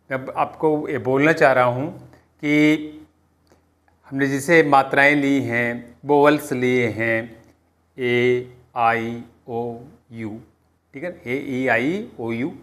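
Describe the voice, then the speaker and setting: Very slow-speaking Indian man teaching phonics. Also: mid-range voice, fairly bright tone. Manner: switches between halting English and Hindi explanation; slow, deliberate, with many pauses and fillers. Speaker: coaching class teacher. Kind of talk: classroom phonics lesson.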